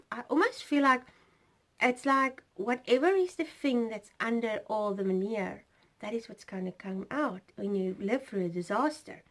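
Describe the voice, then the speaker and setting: South african lady rambling on her knitting podcast, kinda high voice, lots of um and so anyway. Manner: rambling, chatty, self-interrupting with fillers and laughs. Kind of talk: casual chat.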